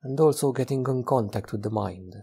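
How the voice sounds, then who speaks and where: Gravelly and husky at a medium pitch, a man leads a guided meditation as its teacher, gently offering short, unhurried phrases with long silences between.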